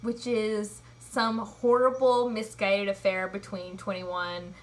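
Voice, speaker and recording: A young woman co-hosting a fan podcast in casual chat, excitable and giggly, shrieking when something upsets her. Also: medium pitch, takes it slowly, slight background noise. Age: young adult. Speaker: podcast co-host.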